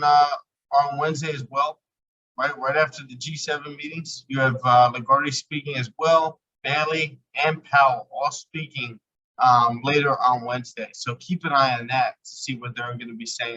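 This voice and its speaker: Trading coach guy, bright forceful voice, lots of ums, tinny robotic low sample rate laptop mic. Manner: loose, filler-heavy, conversational. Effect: low-sample-rate robotic laptop mic sound. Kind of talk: casual weekly market outlook.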